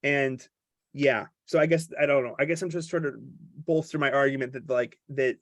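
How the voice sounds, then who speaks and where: A man's voice: medium pitch, steady tone, normal speed, no echo. A man in a casual podcast conversation who talks in digressive, joking tangents and pokes fun at himself. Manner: digressive, joking, self-deprecating. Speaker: podcast co-host.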